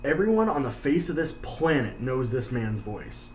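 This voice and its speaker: A man gives scripted countdown narration at an average pitch. The recording is roomy and echoey, with faint noise behind him. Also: sing-song, normal speed, a little mellow.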